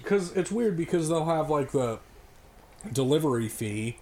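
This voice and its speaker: A man co-hosts a podcast in loose, joking chat, swearing freely and now and then talking through a mouthful of food. His voice is mellow and warm. A faint hiss of noise sits underneath. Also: on the high side, expressive, measured pace. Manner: profane, joking, talks with his mouth full. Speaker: podcast co-host.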